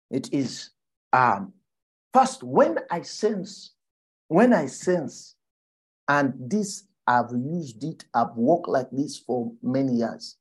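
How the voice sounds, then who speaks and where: A woman preaching a sermon in a low, husky voice. She talks slowly and emphatically, repeats her points and keeps asking the congregation whether they are following her. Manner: repeats lines, checks in with the congregation; emphatic exhorting.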